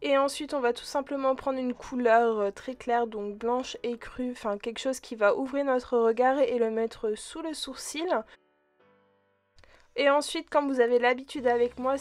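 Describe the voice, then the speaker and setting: A woman with a fairly high voice talks through her makeup routine in a relaxed, friendly vlog tone. She hesitates often and chats directly to her viewers as if they were friends. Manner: chatty, relaxed, frequent hesitations. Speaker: beauty vlogger. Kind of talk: casual makeup tutorial narration.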